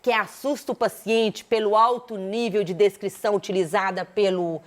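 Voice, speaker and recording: A Brazilian woman teacher giving a recorded school lesson, animated and asking the students many rhetorical questions. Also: medium pitch, moderate pace.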